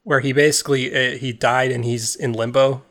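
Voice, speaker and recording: A man's voice: medium pitch, steady tone, normal speed, fairly bright tone. A man hosting a casual podcast, chatting loosely. He rambles and restarts his sentences often, trailing off as he explains. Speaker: podcast host. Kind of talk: casual chat.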